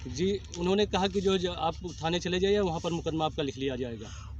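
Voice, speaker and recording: A man's voice: sits high, brisk, dull audio. A man giving deferential, plain answers as an interviewee. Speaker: interviewee, aggrieved villager. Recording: noisy field recording with clicks. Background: clear background noise, clicks.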